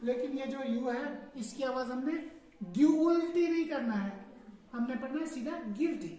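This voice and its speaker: A woman's voice: high voice, moderate pace, dark tone, slight background noise. A woman teacher running a spelling lesson, spelling words out letter by letter and quizzing her students with repeated questions. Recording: echoey room from far off.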